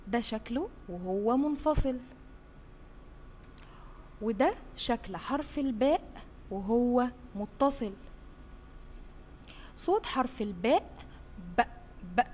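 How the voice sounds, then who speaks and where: A woman teaching young children in an Egyptian Arabic accent, slowly sounding out letters and praising them often. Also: a little high, darkish tone. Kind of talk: slow drawn-out phonics lesson for young children. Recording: roomy with long reverb, faint hiss.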